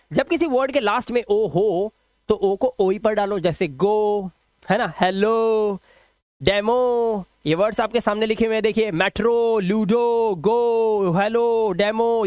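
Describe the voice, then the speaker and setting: A man's voice: high voice, no room sound. Guy teaching spelling sound rules, drags out each example word, keeps asking did you get it, dry close sound. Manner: slow and repetitive, drawing out example words and asking rhetorical check questions. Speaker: English pronunciation teacher. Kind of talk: explanatory classroom lesson.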